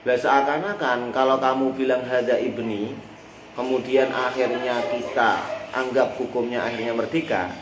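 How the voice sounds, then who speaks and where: This Javanese-accented man teaches a classical Islamic text at a moderate pace, his medium-pitched voice fairly even in intonation. He draws on everyday examples and lets his listeners round off his sentences. The recording has room echo and faint background noise.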